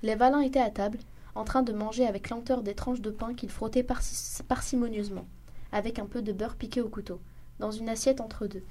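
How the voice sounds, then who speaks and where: A woman reading a classic short story aloud in a steady narrating voice, with small restarts. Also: a little high, fairly quick, slight background noise. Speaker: reader.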